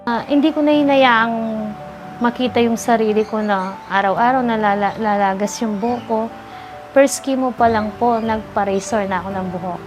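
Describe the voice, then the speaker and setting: A woman giving a soft-spoken, earnest testimonial interview, politely answering an interviewer. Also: fairly high pitch. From Philippines. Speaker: interviewee, cancer survivor. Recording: music bed underneath.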